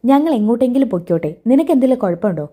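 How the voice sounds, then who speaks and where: A woman's voice: fairly high pitch, animated, very fast, pitched above the performer's own voice. Woman reading a spiteful scheming mother-in-law. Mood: scornful. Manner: sharp, dismissive, scornful.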